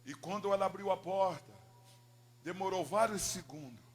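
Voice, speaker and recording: High-voiced pastor, dramatic testimony. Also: male voice, moderate pace. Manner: dramatic storytelling, from hushed to loud. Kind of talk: emotional sermon testimony.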